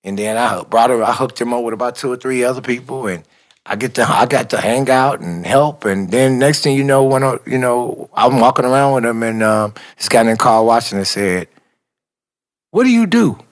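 A man's voice: mid-range voice, fairly quick. A man from Chicago, a music executive, telling stories in a casual interview, acting out conversations with slang and frequent laughter. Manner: animated, acts out dialogue, laughs often, slangy.

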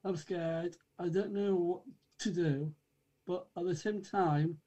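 A man's voice: sits high, steady tone, dark tone, highs cut off. A man chatting as an interview guest, hesitant and thoughtful as he pieces his answers together. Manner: hesitant, halting, thoughtful delivery. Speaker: podcast guest, amateur performer. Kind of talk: casual interview chat.

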